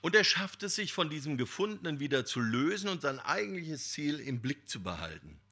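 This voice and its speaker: A man preaching a sermon, telling a parable in a lively, emphatic way. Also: a little high, fairly quick, slightly rough. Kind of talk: sermon with storytelling.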